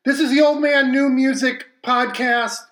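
A man's voice: very high-pitched, fairly even intonation, a little slow, fairly bright tone. A man hosting a music podcast, casually rambling and apologizing through an echoing, reverberating sound from his broken mic setup, with many fillers. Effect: echoey reverberating sound from a broken mic setup. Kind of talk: casual chat introducing songs. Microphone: faulty home podcast mic.

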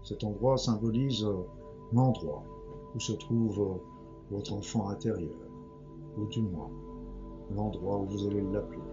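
A man leading a guided relaxation like a sleep story narrator, speaking gently and slowly in a hushed delivery with long pauses. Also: lowish voice, fairly even intonation. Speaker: guided meditation leader. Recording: dull lo-fi sound with music behind. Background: meditation music.

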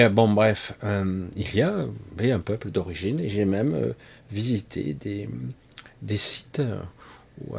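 A man's voice: low-pitched, gravelly, slight background noise. A man from France giving a rambling, conversational monologue about energy healing, full of asides and restarts, speaking straight to his listeners. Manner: addresses listeners directly, conversational. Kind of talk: casual spoken monologue.

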